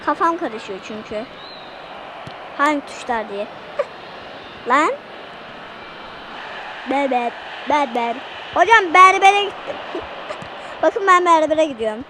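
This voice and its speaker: A woman giving excitable let's-play commentary, shouting at the game and talking to her viewers. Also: high voice, takes it slowly, long pauses, background noise. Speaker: gaming channel host.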